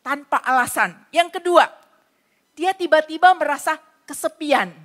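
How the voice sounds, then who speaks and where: A woman's voice: sits high, fairly bright tone. A woman pastor preaching a sermon in a church, earnestly explaining with everyday stories.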